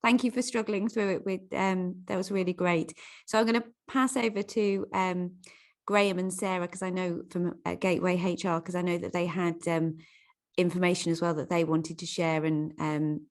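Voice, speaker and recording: A woman's voice: fairly low pitch, little pitch movement, normal speed. A woman hosting a webinar informally, handing over between speakers. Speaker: webinar host.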